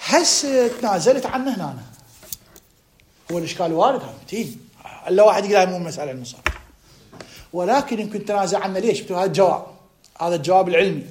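A man with an Iraqi Arabic accent teaching a grammar class, quizzing his students with quick rhetorical questions and drawing out key words for emphasis. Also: sits high, lively intonation, darkish tone, a little hiss or hum. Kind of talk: classroom lecture.

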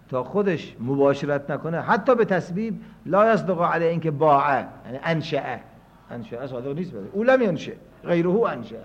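A man teaching a scholarly lecture, reasoning aloud and moving between quiet stretches and emphatic points. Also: fairly high pitch. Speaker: seminary teacher. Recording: dull lo-fi lecture recording.

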